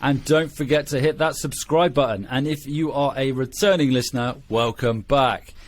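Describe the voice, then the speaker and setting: A man's voice: medium pitch, moderate pace, slight background noise. A man with a British accent hosting a music production podcast, chatty and prone to digressions, with frequent ums and restarts. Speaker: podcast host. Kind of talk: casual podcast interview.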